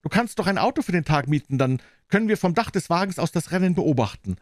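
A man voicing an eager young woman who fires off quick, urgent questions. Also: lively intonation, dry recording, studio quality, natural voice. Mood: pleading. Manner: raised pitch, urgent questions.

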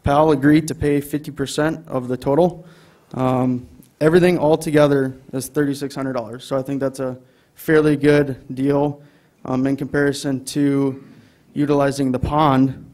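A man's voice: mid-range voice, little pitch movement, normal speed, a little mellow. A man with an Upper Midwest American accent presenting an item to a city council, with many ums and restarts. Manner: hesitant, many fillers. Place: council chamber.

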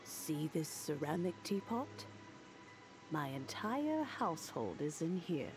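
A woman playing a kindly, frail old granny in a video game, talking in an elderly singsong with gentle wry humour. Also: low voice, very animated, over loud music, full character voice. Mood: gentle, amused. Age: older. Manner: elderly singsong, slow and unhurried. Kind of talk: video game character acting.

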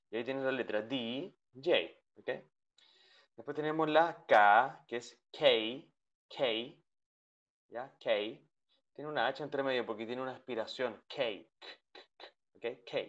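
Male teacher, online class, slow and patient, muffled lo-fi call audio. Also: mid-range voice, fairly bright tone. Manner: patient, repeats each sound, checks in with "¿ok?". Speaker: English teacher. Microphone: video call.

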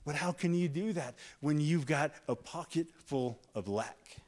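A man preaching a sermon as a guest pastor, rising to loud emphatic lines and dropping to soft, hushed ones while he tells a story. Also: a little high, a little slow. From United States. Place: church sanctuary.

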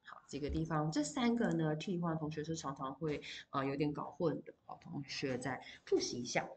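Low-voiced woman teaching English vocabulary. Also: a little mellow, slight background noise. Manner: explains in Mandarin, reads English examples slowly; addresses students directly with fillers like 好 and 哦. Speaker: high school English teacher. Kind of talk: recorded vocabulary lesson.

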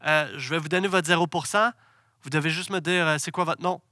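A man voicing a calm, stern older male professor who speaks in a measured, firm way. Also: a little high, dry recording, studio quality.

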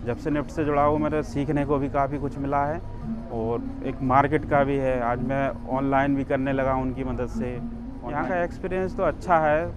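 Weaver, thirties, man; even, level delivery, clear music in the background, lapel mic. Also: medium pitch. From Madhya Pradesh, India. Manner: plain, steady explaining. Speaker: handloom sari weaver. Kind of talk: interview. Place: exhibition stall, indoors.

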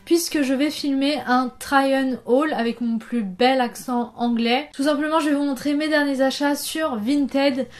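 Young female vlogger, high-pitched, bubbly and chatty with many fillers, casual try-on haul talk. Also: fairly even intonation, normal speed, few pauses. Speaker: fashion vlogger.

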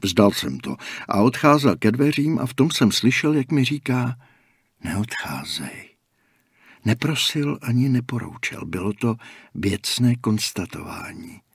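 A man narrating an audiobook story in the first person with steady, even storytelling. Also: mid-range voice, vocal fry, husky, dry recording, clean studio sound.

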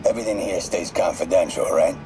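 An actor playing a proud, guarded, menacing criminal on a recorded therapy session in a video game. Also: male voice, sits low, fairly quick, lightly acted. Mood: guarded menace. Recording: music over an audio-recorder playback.

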